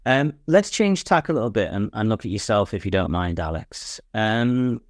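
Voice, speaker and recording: A man's voice: lowish voice, animated, normal speed, no room sound, studio quality. A man hosting an interview podcast, speaking in an easygoing, conversational way and affirming his guest. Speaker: podcast host. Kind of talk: casual interview chat.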